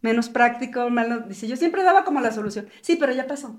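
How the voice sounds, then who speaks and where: A woman chatting casually with friends on a podcast, telling stories in a lively way. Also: on the high side, a little fast. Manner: chatty, animated storyteller. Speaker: podcast co-host. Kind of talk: casual group chat.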